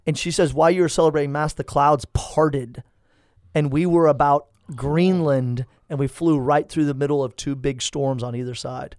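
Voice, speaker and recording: A man in his thirties, a priest, telling stories in a lively, animated chat and acting out the people he quotes. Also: a little high, moderate pace, dry recording, studio quality. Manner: animated storyteller, acts out quoted voices. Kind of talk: storytelling in casual chat.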